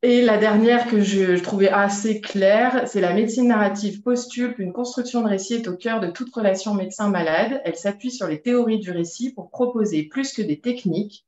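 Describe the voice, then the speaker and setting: A woman's voice: medium pitch, darkish tone. A woman veterinarian gives a presentation in a loose, conversational way, stopping often to find her words. She explains patiently, walking the audience through slides. The sound is roomy and a bit dull, like a lo-fi capture in an echoing space. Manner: conversational, explanatory, with frequent hesitations.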